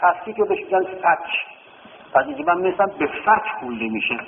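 A male teacher talks through a grammar lesson and recites verb forms one after another, asking his own questions and answering them. His voice is fairly high and very animated, jumping up and dropping low. It sounds tinny and lo-fi, caught with a long, roomy hall reverb. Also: slight background noise. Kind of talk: classroom lesson.

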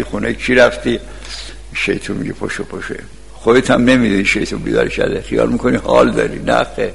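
A man delivers a sermon in a gravelly, husky voice, building stories that break into sudden shouts. His voice rings out with a long reverb, as in a big hall. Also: mid-range voice. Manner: storytelling with sudden shouted outbursts. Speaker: preacher.

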